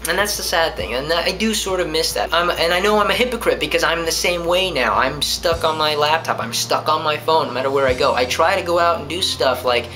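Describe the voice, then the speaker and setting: A man's voice: on the high side, fairly quick, hardly any pauses, over music. A young man from New Hampshire chatting casually at home, answering viewer questions and rambling as he talks with his hands. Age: young adult. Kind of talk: casual vlog chat. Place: living room at home, indoors.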